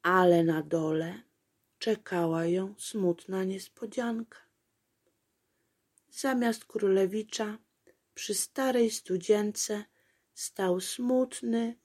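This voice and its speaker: A woman reading a children's fairy tale aloud in a gentle storytelling cadence. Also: mid-range voice.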